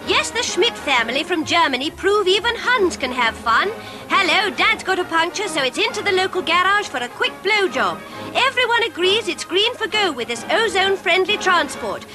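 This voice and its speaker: Brief: woman as a bouncy old-newsreel announcer, very high and sing-song, music bed under her. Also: sing-song, moderate pace, rough recording. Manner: jaunty punning newsreel announcer. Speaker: commentator. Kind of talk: comic dubbed commentary in old newsreel manner.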